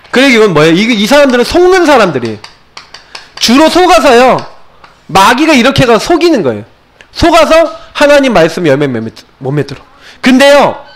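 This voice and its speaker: A male pastor giving a sermon to children, asking questions and answering them himself. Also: high-pitched. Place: church.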